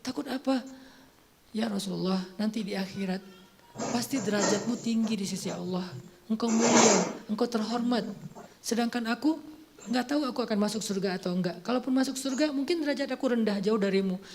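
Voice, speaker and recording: A man voicing a tearful young male companion who speaks softly and fearfully, within a sermon retelling. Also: high-pitched, brisk, vocal fry, noisy background. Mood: fearful pleading.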